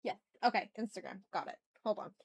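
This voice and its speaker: On a relaxed art livestream, a woman draws and thinks out loud, chatting with viewers in effusive, slangy, informal terms. Her mid-range voice is gravelly and slightly rough, with lively intonation and a quick pace.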